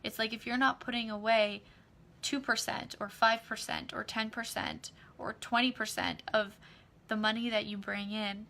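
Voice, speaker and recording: A woman talking casually on a live video, excitedly promoting her book club and class, with many fillers. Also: a little high, normal speed. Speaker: online class facilitator.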